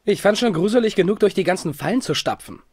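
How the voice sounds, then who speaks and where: A man's voice: high voice, animated, quick pace, husky. An actor playing a nervous, timid young male sidekick in an adventure game.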